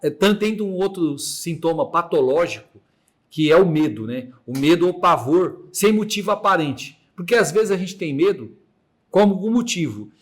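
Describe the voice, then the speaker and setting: A man's voice: a little high, expressive, normal speed. A man with a Mato Grosso Brazilian accent hosting a casual podcast chat, hesitant, with many restarts, imitating heartbeat sounds as he explains. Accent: Brazilian Portuguese, Mato Grosso. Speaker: podcast host. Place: room without air conditioning.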